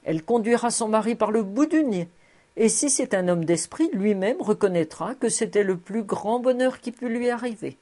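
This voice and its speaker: A woman's voice: fairly high pitch, lively intonation, moderate pace, mellow. A woman voicing a shrewd, kindly old male rabbi who speaks in a fond, knowing way and pleads for others.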